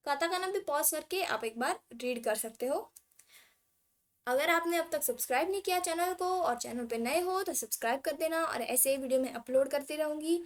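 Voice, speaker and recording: An Indian woman leads a laid-back language lesson, sprinkling in English and reading out syllable charts at a slow pace. Her voice is high.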